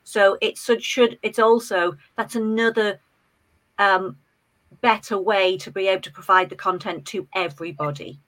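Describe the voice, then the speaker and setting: A woman's voice: medium pitch, fairly even intonation, normal speed, a bit bright. A woman on a panel discussion who talks with frequent hesitations and fillers.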